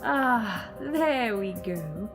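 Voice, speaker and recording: A woman's voice: medium pitch, expressive, extremely slow. A woman acting in an audio drama as a sly, mocking alien villainess posing as a goddess, theatrical and taunting. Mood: gloating. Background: music.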